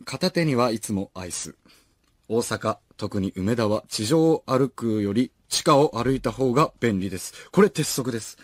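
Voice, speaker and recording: A man hosting a late-night radio show, reading listener mail aloud with animated, self-mocking chatter and frequent laughter, close on a studio microphone. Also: medium pitch, no room sound.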